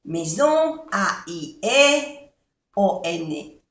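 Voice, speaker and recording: An older woman teaching a language lesson, patiently spelling out letters and repeating words slowly. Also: mid-range voice, big pitch swings. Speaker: French teacher. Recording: echoey room.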